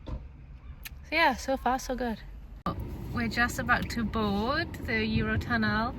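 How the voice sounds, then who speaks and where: A woman's voice: a little high, a little slow. A young woman chatting casually as a travel vlogger, rambling with fillers while on a road trip. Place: in a car and on the road. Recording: muffled with loud road noise.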